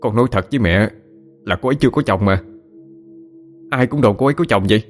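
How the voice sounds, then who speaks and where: A man's voice: on the low side, quick pace, soft background music, close to an everyday voice. A man voicing a young man in his twenties who pleads and defends himself to his parents. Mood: earnest.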